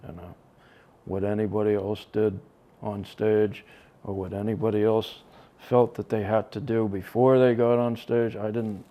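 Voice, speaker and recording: An older man from Connecticut, a drummer, answering interview questions slowly and haltingly, with many pauses and trailing soft phrases. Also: on the low side, level tone. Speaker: drummer interviewed about his band.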